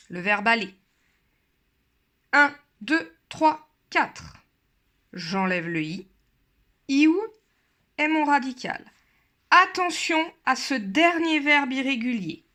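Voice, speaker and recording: A woman gives a grammar lesson and talks unhurriedly, taking her time over every form. Her voice is bright and sits fairly high, and she counts methodically through each example. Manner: counts methodically, patient step-by-step explanation. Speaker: Latin teacher. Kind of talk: classroom lesson.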